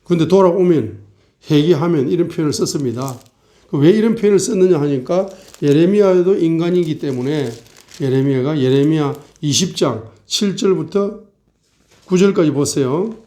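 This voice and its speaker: A middle-aged male pastor preaches a sermon in a warm, slightly high voice at a moderate pace, firing rhetorical questions at the congregation and acting out mocking and complaining voices.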